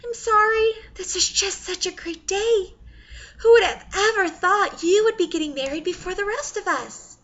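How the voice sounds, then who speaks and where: An excitable young best friend, played by a woman reader, gushing in a high, teary voice. Her tone is bright and sharp, pitched well above the reader's own. The recording is dull and lo-fi. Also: normal speed.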